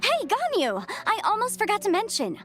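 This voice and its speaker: Voicing a bubbly, curious, chatty young woman in a video game, a woman speaks with an extremely high, wildly swooping pitch at a moderate pace. Her heavily acted delivery is bright-eyed, enthusiastic and conversational. Faint game music plays behind her.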